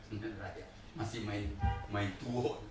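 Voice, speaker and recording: An older male pastor preaching a sermon, swinging between hushed low passages and loud, laughing shouts. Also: steady tone, slow pace, over music. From Indonesia. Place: large church hall. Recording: echoey hall, distant mic, faint hiss.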